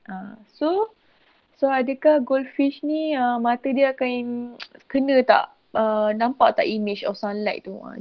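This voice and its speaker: A woman's voice: high-pitched, lo-fi sound. Woman teaching a physics class. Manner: mixes Malay and English, checks in with "okey?" often. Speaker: lecturer. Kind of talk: online physics tutorial.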